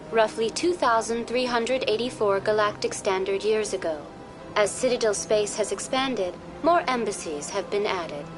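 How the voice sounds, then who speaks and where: A woman voicing a too-smooth female AI guide. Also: on the high side, lightly acted. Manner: even, courteous, too-smooth synthetic delivery. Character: smooth, polite female virtual-intelligence information program. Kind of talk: video game voice acting. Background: game music.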